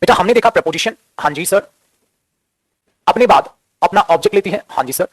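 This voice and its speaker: A man's voice: high-pitched, expressive, fairly quick, dry recording. A man teaching English grammar to students, fatherly and scolding by turns, often calling them his children. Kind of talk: classroom grammar lecture.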